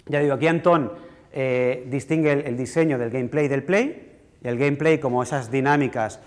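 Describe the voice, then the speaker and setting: A man's voice: medium pitch, normal speed. A man giving a university lecture in a conversational, self-deprecating way, often checking in with the audience. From Spain. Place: lecture hall. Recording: reverberant lecture hall.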